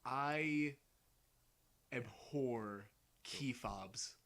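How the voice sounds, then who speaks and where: A man's voice: medium pitch, very slow, vocal fry, crowd noise. A young man co-hosting a casual podcast chat, rambling and trailing off as he hunts for words. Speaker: podcast co-host.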